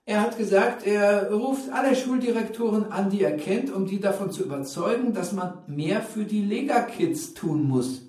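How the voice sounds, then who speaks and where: A man's voice: high-pitched, normal speed, hardly any pauses, darkish tone, echoey room, voice pushed up, close to an everyday voice. A man voicing a sly, cheeky schoolboy who sounds innocent, in a storybook reading.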